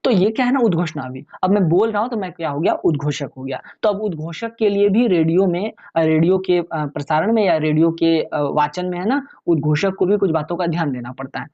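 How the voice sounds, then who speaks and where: A man explaining exam topics in a relaxed, conversational lecture, addressing viewers as friends. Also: a little high, fairly quick, few pauses, lo-fi sound. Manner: chatty, many fillers and restarts. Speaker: exam tutor.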